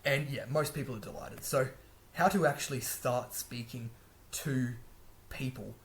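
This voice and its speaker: A man's voice: mid-range voice, a little slow. A man giving casual language-learning advice to camera, rambling and correcting himself as he goes. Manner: rambling, chatty, frequent restarts and self-corrections. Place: a room indoors.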